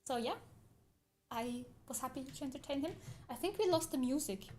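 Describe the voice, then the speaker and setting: A woman from Switzerland, her voice high-pitched, animated, and mellow at a normal pace, chats easily on a livestream. She reads out what viewers comment and tells rambling stories, laughing a lot along the way.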